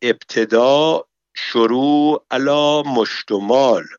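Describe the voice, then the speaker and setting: A man reading a story, voicing a bossy, mocking noblewoman who speaks in slow, halting broken Arabic. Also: medium pitch, smooth, no echo, muffled recording, voice pushed up, natural voice.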